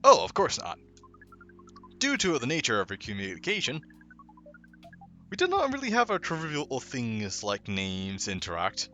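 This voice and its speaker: A man's voice: mid-range voice, huge pitch swings, unhurried, pauses often, sharp tone, soft background music, full character voice. A man voicing a friendly alien visitor in a game, who speaks formally and a little stiffly, always as "we". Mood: cheerful. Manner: upbeat, formal, slightly stilted phrasing.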